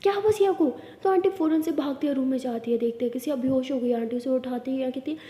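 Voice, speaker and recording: A woman narrating a story in a steady, expressive way. Her voice is high yet mellow, and it rings in an echoey room with a long reverb tail. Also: fast.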